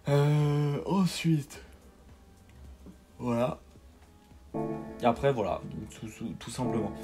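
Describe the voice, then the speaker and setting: A man talks through a video game tutorial in a loose, unscripted voice-over, stopping often to restart his sentences and lean on fillers. His voice sits at an everyday middle pitch, and soft music plays faintly behind him. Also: slow. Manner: hesitant, filler-heavy, repeats words; self-deprecating. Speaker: gaming tutorial host. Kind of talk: casual screen-capture tutorial voice-over.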